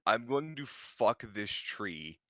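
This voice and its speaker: Animated, bright-voiced, low-pitched man. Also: slow pace. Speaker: tabletop game player. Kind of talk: casual game chat.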